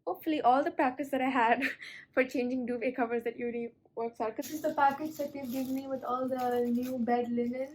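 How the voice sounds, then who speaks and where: A woman's voice: high voice, fairly even intonation, brisk, darkish tone, a little hiss or hum, poor audio. A young woman from Singapore, a student vlogging casually from a hotel room, chatty and giggly with lots of "like". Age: young adult. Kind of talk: casual vlog chat.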